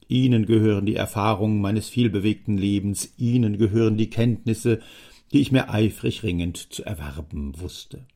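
A man voicing a talkative, scheming old uncle who speaks in smooth, self-important phrases. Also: lowish voice, warm tone.

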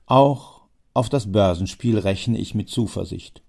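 A man voicing a talkative, scheming old uncle who speaks in smooth, self-important phrases. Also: lowish voice, a little slow, a little mellow, full character voice.

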